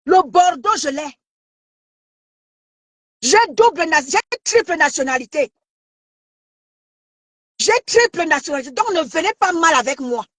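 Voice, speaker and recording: A woman from Cameroon delivers a heated online rant in a very high voice, confrontational and taunting, often shouting and stammering as she repeats herself. The sound is dry and close, with no room around it. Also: animated, unhurried, long pauses, no room sound. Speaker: social media commentator.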